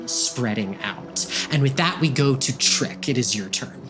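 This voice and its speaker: A man's voice: medium pitch, expressive, measured pace, music in the background. A man running a tabletop game, improvising vivid narration as game master.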